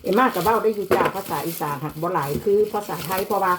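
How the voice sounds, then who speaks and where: A woman's voice: mid-range voice, fast talker, background noise. A mother with an Isan accent chatting casually while she cooks, mixing Isan and Thai with her child. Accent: Isan (Northeastern Thai). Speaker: vlogger mother. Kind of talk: casual chat while cooking. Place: home kitchen.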